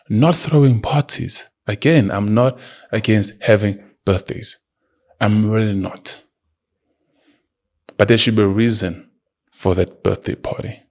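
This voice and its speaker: Lecturing emphatically straight to the listener, this early-thirties man hosts a solo motivational podcast in a fairly low, creaky voice with a breathy edge.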